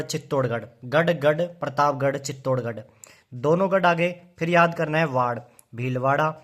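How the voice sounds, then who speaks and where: A man's voice: fairly high pitch, a bit bright. Man chanting lists in a lesson. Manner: rhythmic chanting of place names in repetition; coaxing, quizzing the viewer. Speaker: teacher. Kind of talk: exam-prep memory trick lesson.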